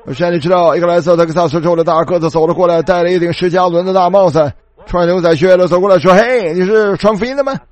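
High-voiced man preaching with a story. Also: rapid-fire. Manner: animated, repetitive storytelling with lively retold dialogue. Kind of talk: storytelling sermon.

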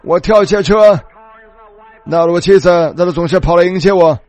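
High-voiced man preaching with a story. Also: moderate pace, no room sound. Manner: animated, repetitive storytelling with lively retold dialogue. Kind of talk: storytelling sermon.

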